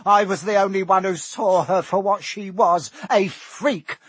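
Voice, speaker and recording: A man voicing a shrill, bitter middle-aged aunt in an audiobook, ranting with venom and resentment. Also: fairly even intonation, measured pace, husky, dry recording. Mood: shrieking, bitter.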